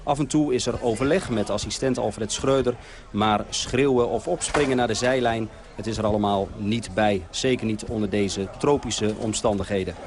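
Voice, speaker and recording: A man reporting for radio from an outdoor football match, reading a measured, descriptive scripted report. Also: on the low side. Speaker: sports reporter. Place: outdoors at a sports field.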